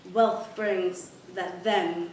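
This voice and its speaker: A woman's voice: lowish voice, steady tone, extremely slow, a little mellow. A woman reciting a sonnet dramatically as a contestant. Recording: echoey hall, distant mic, faint noise.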